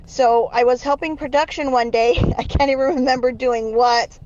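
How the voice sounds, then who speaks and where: A woman's voice: high-pitched, fairly even intonation, normal speed, darkish tone, a little hiss or hum. A woman calling in, telling a casual story over a phone line in a voicemail and laughing between sentences. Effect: over a phone line, left as a voicemail. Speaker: caller.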